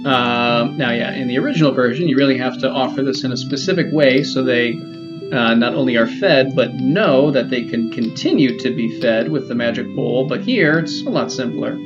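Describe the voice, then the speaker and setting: A man talks casually through a playthrough, pausing often on ums and uhs. His mic sounds a little dull, with faint game music behind him. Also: medium pitch. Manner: relaxed, chatty, many ums. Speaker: let's play host. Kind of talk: casual gameplay commentary.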